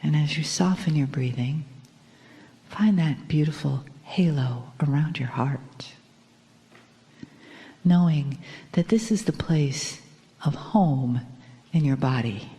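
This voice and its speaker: Meditation guide, woman: soft and soothing spa delivery, low-pitched, very unhurried. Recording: long hall reverb.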